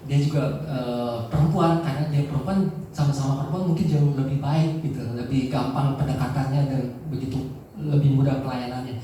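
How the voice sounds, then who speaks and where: A male pastor from Aceh, telling stories in a lively, conversational sermon. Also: medium pitch, a little fast, slight background noise. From Aceh, Indonesia. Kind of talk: sermon with storytelling. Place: church. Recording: echoey church hall from far off.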